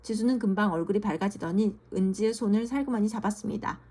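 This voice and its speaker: Gentle woman reading a children's book. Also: medium pitch, fast talker. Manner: gentle, steady reading with small slips. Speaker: storyteller.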